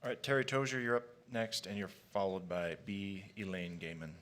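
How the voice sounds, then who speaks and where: A man's voice: deep voice, moderate pace, a bit bright. A man chairing a council meeting, calling up the next speakers in a matter-of-fact way. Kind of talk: procedural announcements.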